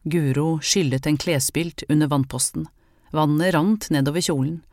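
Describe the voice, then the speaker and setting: Woman reading a novel aloud, low mellow voice, dry close sound. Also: steady tone, no room sound. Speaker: audiobook reader. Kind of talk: scripted narration.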